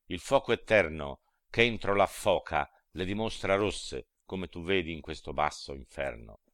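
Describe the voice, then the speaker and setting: A man reading as a wise old poet guiding a traveler, calm and fatherly in measured lines. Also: sits low, no echo, clean studio sound. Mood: reassuring. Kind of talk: dramatic poetry recitation.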